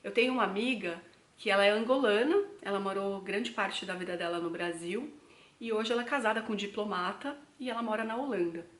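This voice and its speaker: A woman's voice: medium pitch, brisk, fairly bright tone. A young Brazilian woman with a Brazilian Portuguese accent, chatting reflectively to her viewers in a casual vlog. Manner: chatty, addresses viewers directly as "gente". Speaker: travel vlogger. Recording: echoey room.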